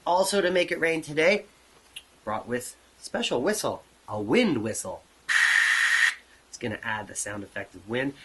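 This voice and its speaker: A man's voice: medium pitch, expressive, moderate pace, long pauses, fairly bright tone, slightly rough. A man hosting a children's music lesson, playful and talking straight to the kids. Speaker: children's show host. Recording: noisy recording.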